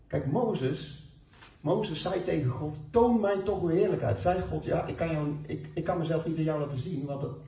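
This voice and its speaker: A man preaching a sermon, emphatic, moving between slow stressed phrases and quick asides. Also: a little high, dark tone. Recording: echoey, distant, dull room sound.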